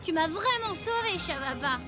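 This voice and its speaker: A woman voicing a carefree, excitable young boy in an animated series, breezy and exclamatory, quick to tease or get exasperated. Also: extremely high pitch, music in the background. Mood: exasperated, teasing. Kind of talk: animated children's series dialogue.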